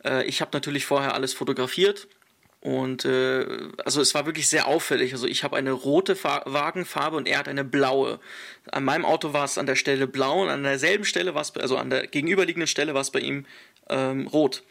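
A young adult man, a guest, telling a personal story in casual speech with animated quotes and many fillers. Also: mid-range voice, brisk, gravelly.

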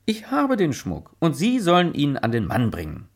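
An actor playing a brash, cheeky young gangster in a German radio crime comedy, speaking in a blunt, teasing, sly way. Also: male voice, fairly high pitch, wildly swooping pitch, moderate pace, heavily acted. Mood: blunt, impatient.

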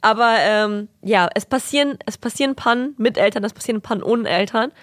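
Young female co-host, animated storyteller, slightly high voice, dry mic. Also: a little fast, no echo. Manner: animated anecdote-telling with quoted voices and English words mixed in. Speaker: podcast co-host. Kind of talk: casual chat, storytelling.

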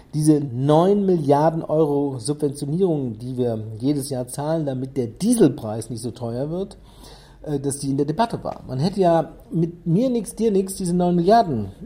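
A woman's voice: low-pitched, mellow, breathy edge. A woman giving blunt, critical interview commentary in colloquial wording.

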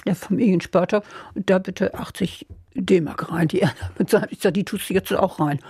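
A woman's voice: mid-range voice, a little mellow, breathy edge, dry recording, studio quality. An older woman from in an interview, candidly recounting her marriage in a rambling way, often quoting what was said. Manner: candid, rambling, quotes herself and others. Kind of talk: personal life story interview.

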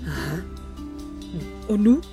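Brief: dry practical daughter, music behind. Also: female voice, mid-range voice, very animated, slow. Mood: matter-of-fact. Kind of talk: film drama acting.

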